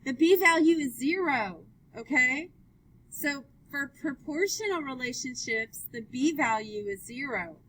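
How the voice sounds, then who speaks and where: A woman's voice: sits high, lively intonation, measured pace, fairly bright tone, poor audio. A woman teaching a math class, upbeat, asking students question after question as she works through graphs. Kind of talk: live classroom lesson.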